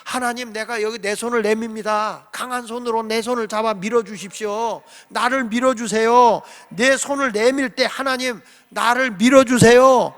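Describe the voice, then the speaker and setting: A man preaching a sermon as pastor, fervent and swinging from quiet talk to shouted exhortation. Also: very high voice, fairly even intonation, normal speed, hardly any pauses, long reverb tail. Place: church sanctuary.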